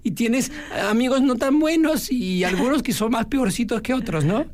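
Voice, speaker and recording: A chatty male vulture hosts a children's radio show, voiced by a woman. He speaks, stops often on fillers, and his pitch rises and falls widely. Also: lively intonation, normal speed, a little mellow, natural voice. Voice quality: full of hesitant fillers.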